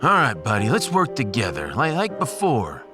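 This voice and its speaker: At a medium pitch and normal speed, the voice plays a gruff, hurt New Jersey ship's welder, earnest and very animated. Folksy and street-tough, he keeps calling people "buddy." The sci-fi audiobook acting has music running behind it.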